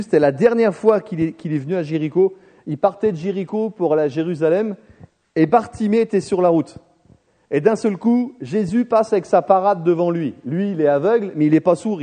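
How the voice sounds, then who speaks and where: A man preaching a sermon, talking straight to his congregation and telling the story with lively, acted-out voices. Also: a little high. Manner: animated storytelling, addresses the congregation directly; acts out the people in the story with shifting voices.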